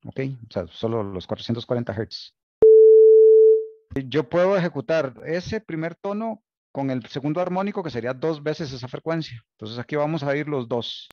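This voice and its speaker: A man's voice: a little high, lively intonation, normal speed, a little mellow, muffled recording. A man giving a university lecture, thinking aloud, restarting phrases and often checking in with "¿Ok?". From Costa Rica. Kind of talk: recorded online lecture.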